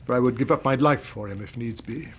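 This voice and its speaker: In a BBC radio drama, a man plays an anxious, upright older British banker and weary father, recounting something troubling in a formal, measured, distressed way. His medium-pitched voice is lightly acted, with slight background noise.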